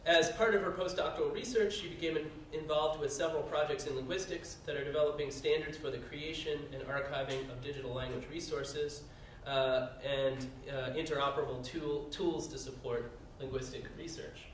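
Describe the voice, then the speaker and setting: Heard from afar in a very echoey conference room, a man moderating a panel reads the speakers' biographies with frequent "uh"s. His voice is a little high, with fairly even intonation and normal speed, and there is slight background noise.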